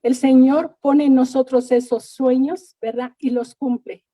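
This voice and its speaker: A woman's voice: high-pitched, steady tone, a little slow, mellow, no echo. A middle-aged woman giving an earnest church testimony, often repeating words and thanking God. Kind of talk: personal faith testimony.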